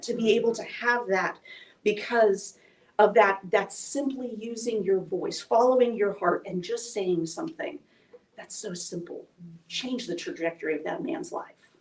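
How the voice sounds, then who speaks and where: Woman giving an emotional personal talk, sounds far off from the mic, echoey room. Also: mid-range voice. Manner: candid, emotional, with restarts. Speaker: event speaker. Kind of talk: personal story talk to a live audience. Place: event hall.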